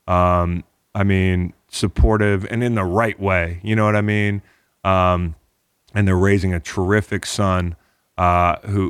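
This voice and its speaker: A man's voice: deep voice, no echo, clean studio sound. A man hosting a podcast, talking casually in a rambling, encouraging way. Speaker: podcast host.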